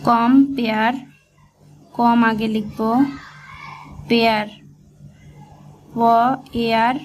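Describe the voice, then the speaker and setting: A woman teaching a shorthand lesson, spelling each word slowly letter by letter as she writes. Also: fairly high pitch, monotone, slight background noise. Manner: slow, spells words letter by letter. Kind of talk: step-by-step dictation lesson.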